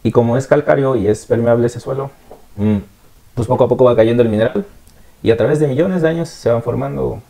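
Woman, podcast host; extremely low, dark voice, easygoing. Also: fairly quick, creaky. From Guerrero, Mexico. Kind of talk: casual interview chat.

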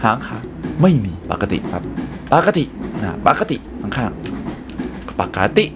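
A young man hosting a gaming channel, excitedly commenting on a puzzle game and talking to his viewers. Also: lowish voice, slow pace, noisy background. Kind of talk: let's play commentary.

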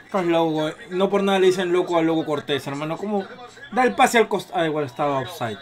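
Male streamer in his thirties, high-pitched, casual and cursing, calls a match live and yells when goals go in. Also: fast. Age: 30s. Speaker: football reaction streamer. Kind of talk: live match reaction commentary.

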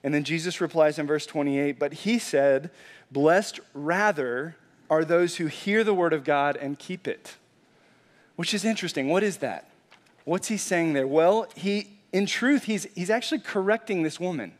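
A pastor preaching a sermon in a conversational, animated way, often saying "like" and restarting phrases. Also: male voice, a little high, moderate pace. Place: church sanctuary.

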